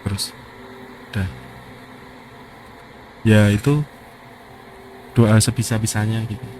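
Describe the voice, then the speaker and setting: A man's voice: on the low side, steady tone, takes it slowly, slight background noise, rough recording. A man telling a personal horror story in a casual, hesitant way, often quoting what he said. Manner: hesitant, quoting his own words, soft-spoken. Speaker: guest storyteller. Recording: music playing behind.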